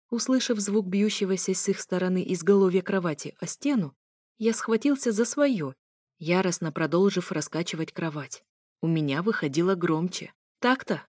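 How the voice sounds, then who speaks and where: Low-voiced woman reading an audiobook. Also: a little mellow, no room sound. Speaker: audiobook narrator. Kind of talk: first-person audiobook narration. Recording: dry close recording.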